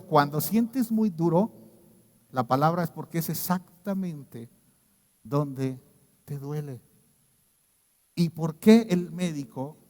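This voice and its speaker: A man with a Mexican accent preaching a sermon as pastor, telling stories in a lively way and often checking in with "¿sí?". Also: on the high side, long reverb tail. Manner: animated storytelling with repeated "¿sí?" checks.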